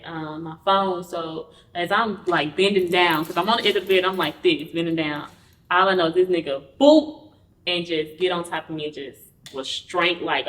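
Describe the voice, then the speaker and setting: Woman, podcast guest, frank storytelling, slightly low voice, echoey room. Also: fairly bright tone. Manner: frank, acts out quoted dialogue while recounting. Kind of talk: candid personal storytelling. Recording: roomy, distant mic.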